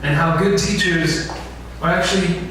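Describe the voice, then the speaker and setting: The instructor's voice sits high with a fairly bright tone and a moderate pace. He lectures an info session class in a large echoey room, often posing questions to them, and the distant mic catches strong echo plus faint noise.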